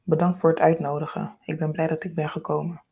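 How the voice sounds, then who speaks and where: A woman reading the lines of a young woman who is guarded at first and then warms up, speaking casually with light amusement. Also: low-pitched, level tone, brisk, husky.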